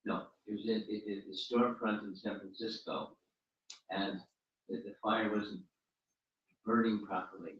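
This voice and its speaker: A fairly low-voiced man gives an informal religious talk and fields questions, often repeating and restarting his words. He is heard from some distance in a very echoey room. The sound is dull and muffled. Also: steady tone, normal speed, long pauses, a little hiss or hum. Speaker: spiritual teacher answering questions. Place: room at a home gathering. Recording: roomy, distant, dull recording.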